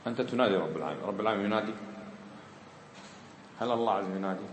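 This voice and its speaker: In a lecture room full of students, a man with a fairly low voice teaches grammar at a rapid-fire pace, quizzing his class and slipping dialect into his explanations. The recording has slight background noise and a roomy echo.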